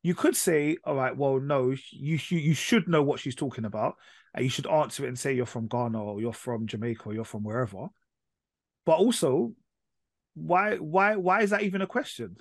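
A man's voice: medium pitch, moderate pace, no room sound, clean studio sound. A man hosting a podcast discussion, insistent and pressing his point. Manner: insistent, keeps cutting back in.

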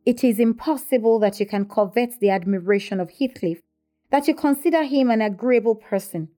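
A woman voicing a proud, scornful young married gentlewoman in an audiobook novel, emphatic and domineering. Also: fairly high pitch, brisk, faint music behind, close to an everyday voice. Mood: dismayed. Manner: emphatic, imperious.

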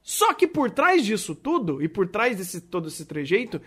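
A podcast co-host, talking in a rambling, animated way and swearing freely in casual chat. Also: medium pitch, moderate pace, husky.

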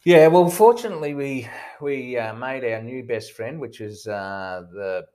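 A mid-pitched man chatting on a travel podcast. He speaks in short, halting bursts and leans on fillers while he searches for words. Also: expressive, mellow. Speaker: podcast co-host. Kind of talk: casual travel chat.

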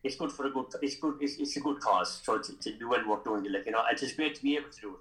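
A man's voice: medium pitch, racing, a crowd in the background, rough recording. An older man with an Irish accent chatting casually as a guest, rambling and repeating his phrases over and over. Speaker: podcast guest. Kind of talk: casual chat.

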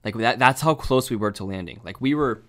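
A young man telling a story in casual chat, animated and swearing, full of fillers. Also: medium pitch, fairly quick.

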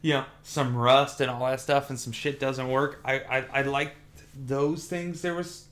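Co-hosting a laid-back movie review podcast, this man talks in a medium-pitched voice at an unhurried pace. He gets animated, curses occasionally, and performs quoted lines.

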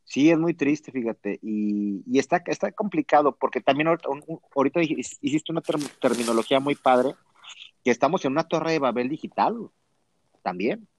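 A man's voice: medium pitch, animated, normal speed, no echo. A man with a Mexican accent hosting a casual podcast chat, slangy and telling stories with quoted dialogue. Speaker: podcast host.

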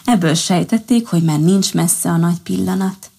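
A woman reading a children's story aloud in a calm, even manner. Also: lowish voice, creaky, breathy edge.

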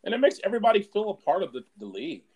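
A man's voice: high voice, sing-song, rapid-fire, darkish tone, slightly rough. A man co-hosting a casual sports podcast, joking around and swearing often. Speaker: podcast co-host.

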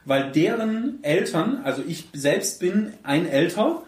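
This man hosts a podcast in a high voice, taking his time as he speaks. He's lively, forceful and bluntly colloquial in a relaxed way, and the mic sits well away from him in an echoey space.

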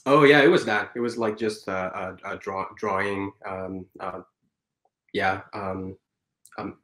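A man in his thirties talks in a French-accented voice that sits on the low side. He stumbles and restarts often, stacking fillers as he chats. The sound carries a roomy echo. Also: steady tone, a little slow, fairly bright tone. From France. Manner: hesitant, many fillers and restarts. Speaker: guest animator. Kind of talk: casual interview chat.

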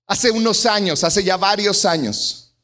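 A middle-aged man preaching a sermon, telling stories and acting out voices with big swings in pitch. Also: a little slow, bright, forceful tone. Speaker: pastor.

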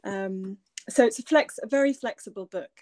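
A woman's voice: medium pitch, normal speed, darkish tone, dry recording. A woman guest chatting informally and a little hesitantly in an interview, recorded in a shed. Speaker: podcast guest, journalist and cookbook author. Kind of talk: casual interview chat.

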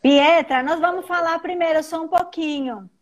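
Encouraging high-voiced woman interviewer. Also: normal speed. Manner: warm, encouraging, affirming. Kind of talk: casual video call interview. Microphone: video call.

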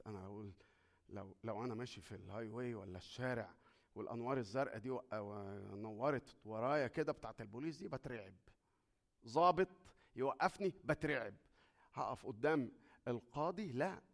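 A man with an Egyptian Arabic accent preaching a sermon. He swings between hushed, intimate talk and loud, fervent preaching, and asks and answers his own questions. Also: medium pitch, creaky.

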